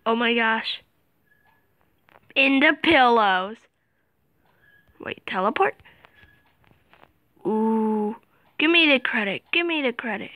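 A woman giving excited game commentary, dropping to whispers and jumping to shrieks. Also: fairly high pitch, slow pace, pauses often, no room sound, rough recording. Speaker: gaming video host.

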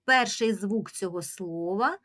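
A woman's voice: mid-range voice, a little slow, a bit bright. A woman teacher giving an early reading lesson to young children, patiently sounding out syllables and single sounds.

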